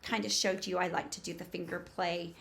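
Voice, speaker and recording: Woman in her fifties, gravelly creak, slightly low pitch, emphatic teaching coach, casual instructional talk. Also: flat delivery, a little fast, a bit bright, slight background noise. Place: small home room with bookshelves.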